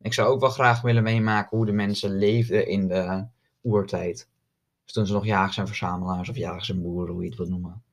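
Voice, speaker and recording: A young man chatting casually as a podcast co-host, halting with many fillers and restarts. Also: lowish voice, steady tone. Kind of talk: casual chat.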